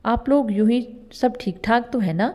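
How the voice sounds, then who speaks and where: A woman's voice: a little high, moderate pace, dark tone, pitched above the performer's own voice, lightly acted. A woman voicing a busy, brusque grown son in a spoken storybook tale. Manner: brusque, defensive.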